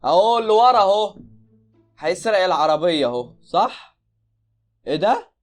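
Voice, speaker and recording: Egyptian dude reacting to weird vids, lots of exclaiming and jokes, kinda high voice, faint music behind. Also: male voice, lively intonation, brisk. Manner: exclaiming, joking, incredulous. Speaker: YouTuber reacting to videos. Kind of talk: casual reaction commentary.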